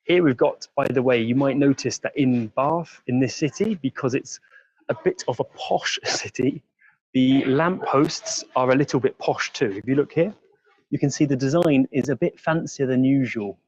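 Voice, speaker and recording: An English man teaches while he walks outdoors through busy streets, sharing a live stream and reading out viewer comments. His voice sits at a middle pitch and stays friendly as he slowly explains words. The stream sounds a little muffled and lo-fi. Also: a little mellow, dry recording. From England. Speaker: English teacher giving a live walking tour. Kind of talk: live-streamed walking tour lesson.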